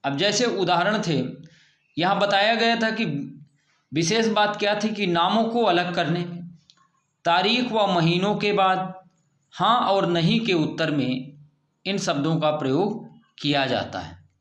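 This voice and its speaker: Male school teacher, patient and explanatory, fairly high voice, echoey room. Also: a little slow, a bit bright. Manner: patient, explanatory, repeats key points. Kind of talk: recorded grammar lesson for students.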